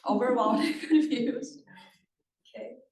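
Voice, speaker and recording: A woman's voice: fairly high pitch, measured pace, a little mellow. A woman from Thailand giving a conversational presentation at a community meeting, often checking in with her listeners. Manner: engaging, often checks in with the audience. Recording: roomy sound from a distant mic.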